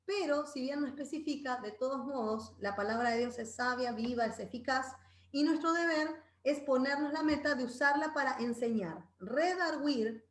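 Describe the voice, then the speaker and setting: A woman leads a parenting Bible class in an easy, conversational way. She keeps checking in with her listeners and acts out children's voices now and then. The recording has a roomy echo. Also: high-pitched. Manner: conversational, tags phrases with "¿verdad?". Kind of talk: informal Bible parenting talk.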